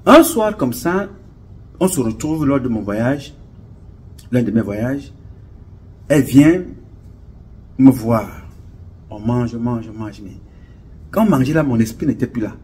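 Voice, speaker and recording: An online commentator with a Cameroonian French accent delivers an impassioned, preachy monologue, rambling and repeating himself in casual commentary. His mid-range voice is darkish with a breathy edge, swinging widely in pitch at a measured pace with frequent pauses.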